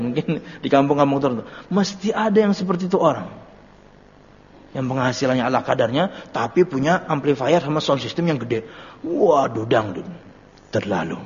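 A man's voice: fairly high pitch, slightly rough. Male Islamic teacher, chatty humorous sermon style; dull lo-fi recording in a reverberant hall. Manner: chatty storytelling with jokes and laughter. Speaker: ustadz teaching a book study.

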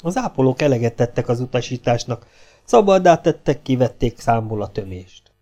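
A man reading an audiobook aloud with an animated storytelling delivery. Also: mid-range voice, faint music behind. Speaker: audiobook reader. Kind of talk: audiobook narration.

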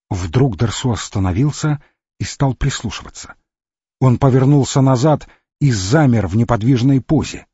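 Male narrator, audiobook reading, husky voice, dull dry lo-fi recording. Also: medium pitch, no echo. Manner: measured, steady storytelling. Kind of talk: scripted narration of an adventure memoir.

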